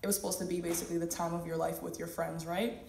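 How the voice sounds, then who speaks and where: A woman's voice: lowish voice, level tone, fast talker, vocal fry, darkish tone, a little hiss or hum. A woman tells a personal story on stage, candid and humorous, quoting others in playful voices. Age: 20s. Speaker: student speaker. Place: event hall at a university. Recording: echoey room, mic at a distance.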